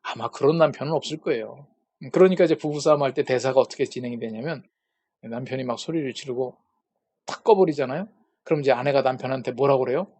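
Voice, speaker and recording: A man's voice: medium pitch, quick pace, a little mellow. A man giving a lecture at a peacemaking school, posing rhetorical questions and retelling conversations as little dialogues. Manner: poses rhetorical questions to the audience. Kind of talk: church-based lecture on conflict.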